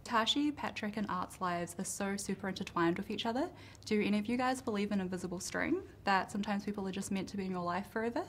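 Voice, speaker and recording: A woman interviews actors with friendly, upbeat questions. Her voice sits at a middle pitch. There is faint background noise behind her. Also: fast. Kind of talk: press junket interview questions.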